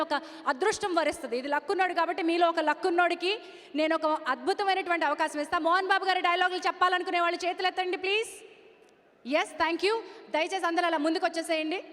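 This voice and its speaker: An energetic woman anchors a stage event. She teases the audience and calls people up in a high voice. Her words ring with the long reverb of a big venue. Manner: energetic, teasing, calls out to the crowd.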